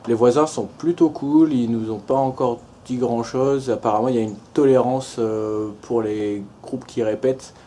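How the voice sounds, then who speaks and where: A man's voice: mid-range voice, fairly even intonation, normal speed, hardly any pauses, warm tone, slight background noise. A young man from France narrating a casual vlog tour of a house and garden, hesitant, with many fillers and restarts. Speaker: travel vlogger.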